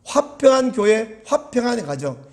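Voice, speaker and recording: A man's voice: extremely high pitch, measured pace. A middle-aged man, a pastor, preaching a Sunday sermon and acting out the quoted voices as he goes. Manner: animated, acts out quoted voices.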